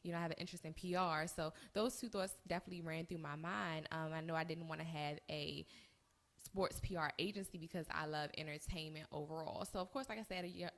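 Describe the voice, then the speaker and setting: A woman's voice: on the low side, a bit bright. A woman in her early twenties, a podcast co-host, telling her story in casual, chatty chat with laughs. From United States. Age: 20s. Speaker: co-host and business owner. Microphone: live-streamed recording.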